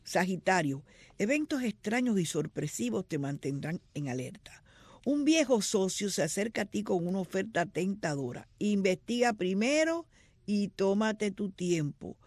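A woman co-hosting a radio show, reading horoscopes and lottery numbers in a lively way and drawing the numbers out slowly. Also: mid-range voice, dry recording. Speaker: radio co-host.

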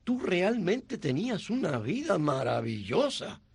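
An actor dubbing an elderly, gentle male guardian angel with a husky, gravelly voice, speaking slowly and pleadingly in film dialogue. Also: high-pitched, big pitch swings, no room sound, heavily acted. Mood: gently pleading.

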